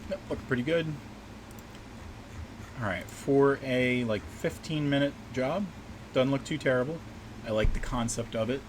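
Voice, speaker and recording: This livestream host, a map maker, talks casually while working at his small home desk, his mid-range, slightly scratchy voice moving at normal speed with long pauses. He rambles in a relaxed manner with many fillers and restarts, and an air conditioner hums steadily in the background.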